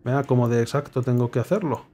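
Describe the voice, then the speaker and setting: A young man playing a puzzle game and thinking aloud, muttering clues to himself with sudden excited outbursts. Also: medium pitch, quick pace. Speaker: gameplay streamer. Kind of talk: casual puzzle game commentary.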